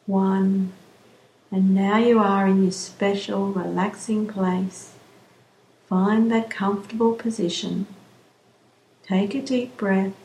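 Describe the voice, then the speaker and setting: A woman slowly leading a guided relaxation session in a soothing, drawn-out way. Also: medium pitch, mellow. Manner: slow, soothing, drawn-out phrasing. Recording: roomy echo, faint background ambience.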